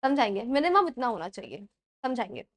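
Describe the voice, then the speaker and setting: A young woman teaching a class and mixing English terms into Hindi, dictating slowly, repeating points and checking that her students follow. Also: on the high side, big pitch swings. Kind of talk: classroom lecture.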